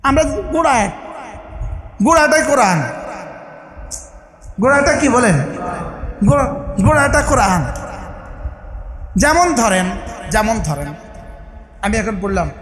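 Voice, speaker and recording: Bangladeshi male preacher, high voice, shouts for emphasis, quizzes the crowd, recorded in a big reverberant space. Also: sing-song, a little slow, pauses often. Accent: Bangladeshi Bengali. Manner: calls on the crowd to answer back, rising to shouted emphasis. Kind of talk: sermon at a religious gathering. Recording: echoey hall, sound system.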